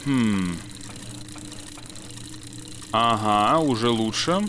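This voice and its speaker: A man's voice: fairly low pitch, lively intonation, extremely slow, sharp tone, a little hiss or hum. A man playing a puzzle game with a friend, chatting casually and muttering mild curses as he works things out. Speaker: let's play gamer. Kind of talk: casual co-op gameplay chat.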